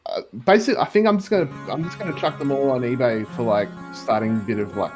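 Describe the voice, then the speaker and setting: A man's voice: medium pitch, fast talker, faint music behind. A man co-hosting a livestream, explaining things in a hesitant, rambling way full of likes and ums. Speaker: live artist co-host. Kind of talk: casual livestream chat.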